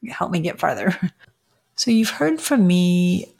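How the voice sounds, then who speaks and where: A woman's voice: lowish voice, very animated, slow, creaky, a little mellow. A woman in her forties, a career coach hosting a podcast, talking candidly and conversationally and addressing listeners as friends. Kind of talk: solo podcast coaching talk.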